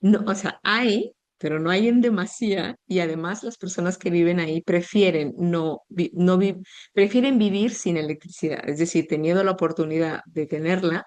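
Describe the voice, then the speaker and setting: Low-voiced woman teaching conversation. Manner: calm, explanatory, reading quoted examples slowly. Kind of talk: explaining class materials.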